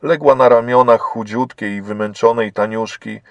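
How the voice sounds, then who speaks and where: A man voicing a weary old woman of faith who speaks in a sorrowful, measured way. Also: medium pitch, steady tone, no echo, lightly acted.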